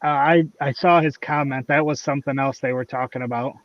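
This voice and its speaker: A man's voice: mid-range voice, steady tone, fairly quick, no echo, highs cut off. A man in casual chat, answering briefly and listing names.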